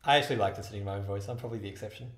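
A man's voice: fairly low pitch, very fast, a bit bright. Man in a big echoing hall. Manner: playful, teasing, chatty. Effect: big hall echo from an empty hallway. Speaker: podcast co-host. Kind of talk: casual chat. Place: dark empty school hallway, indoors. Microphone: Skype video call. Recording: echoey hallway over a video call.

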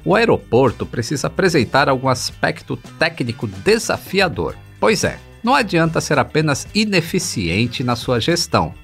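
A man's voice: a little high, very animated, moderate pace, creaky, hardly any pauses, fairly bright tone. A Brazilian man hosting a podcast, reading a script in a playful way and addressing listeners directly. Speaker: podcast host. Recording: background music. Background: music.

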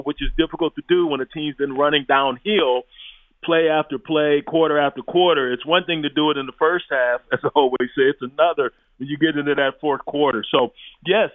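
A man's voice: fairly high pitch, dry recording. A man, a college football analyst, giving emphatic, blunt opinions as a guest on sports talk radio. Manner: emphatic, blunt, with restarts and chuckles. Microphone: phone line into studio. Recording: tinny phone line, dry.

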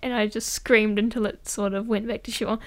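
A woman's voice: mid-range voice, flat delivery, a little fast. A young woman, a guest on a podcast, telling stories in a hesitant, giggly way. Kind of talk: casual chat.

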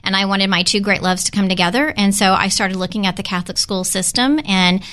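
A woman from Kansas speaking as a guest in an interview. Her voice is bright and smooth, and she answers earnestly, with frequent ums and uhs. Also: mid-range voice, steady tone, brisk. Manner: earnest, with many fillers. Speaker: school administrator guest. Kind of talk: casual interview.

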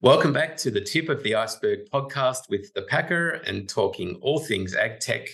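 A man hosting a casual podcast interview, enthusiastic and easily excited. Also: medium pitch, normal speed, gravelly. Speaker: podcast host.

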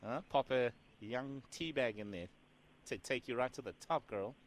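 A radio host pulls a prank call, playing a sassy, overfamiliar man who teases the listener and keeps calling her "girl" and "doll." His mid-range voice moves at a moderate pace and sounds close to everyday speech, with a little hiss or hum underneath.

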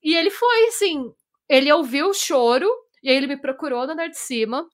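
A woman co-hosting a podcast shares a story in a casual chat, speaking with a Brazilian Portuguese accent. Her voice is high-pitched and brisk, and she laughs and trips over her words as she animatedly tells it.

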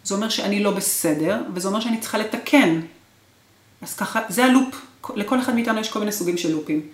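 A woman in her forties in an interview, recounting her marriage with emotional, repetitive intensity. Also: mid-range voice. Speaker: guest. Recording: roomy echo.

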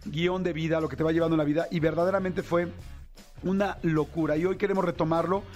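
A man hosting a podcast interview, talking in a quick, animated way and correcting himself as he goes. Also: on the high side, faint music behind. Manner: fast, animated, self-correcting. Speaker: podcast host. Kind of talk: casual interview chat.

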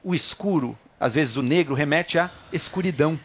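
A panelist makes his case in a lecturing, insistent tone. His voice sits a little higher than most men's, and he presses each point home. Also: normal speed, a little hiss or hum. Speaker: debate panelist. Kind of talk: heated panel debate.

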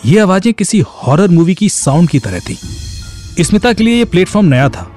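A man's voice: high voice, sing-song, moderate pace, darkish tone, soft background music. Man narrating a suspense story. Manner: dramatic, suspenseful.

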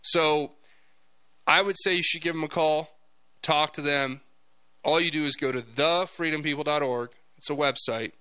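A man hosting a political talk podcast, speaking off the cuff in a halting but emphatic monologue. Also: on the high side, fairly even intonation, pushed and bright, no echo.

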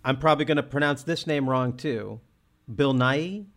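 A man's voice: medium pitch, moderate pace, fairly bright tone. A man hosting a casual film discussion, talking with enthusiasm and restarting often as he searches for words. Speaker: podcast host.

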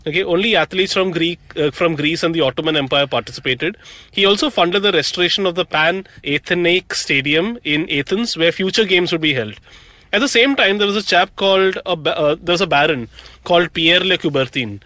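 A man's voice: fairly high pitch, a little fast, sharp tone, dry recording. A young man from South India co-hosting a podcast, telling history in a chatty, joking way with lots of "uh"s. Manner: chatty, jokey storyteller with frequent fillers. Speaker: podcast co-host. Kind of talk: casual chat.

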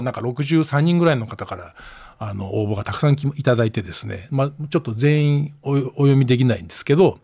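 A man's voice: mid-range voice, no echo. A man with an Osaka accent hosting a casual solo podcast, reading listener stories aloud with chuckling, self-deprecating asides and plenty of fillers. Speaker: podcast host.

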